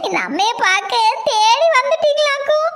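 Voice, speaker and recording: A woman's voice: very high-pitched, expressive, normal speed, heavy background noise. A woman voicing a mother who soothes her crying children. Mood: soothing. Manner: soothing, drawling.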